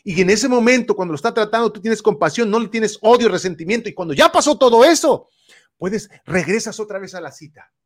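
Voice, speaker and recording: Man, high voice, very lively melody, faith-based coaching talk, talks straight to you. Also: fairly quick. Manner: animated, addresses listener directly, many repetitions.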